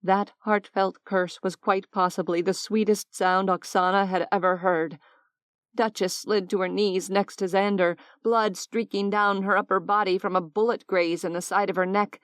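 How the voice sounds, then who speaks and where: A woman narrating an audiobook in a measured, deliberate way on a close mic. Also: mid-range voice, flat delivery, clear, resonant tone, no echo. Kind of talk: scripted narration.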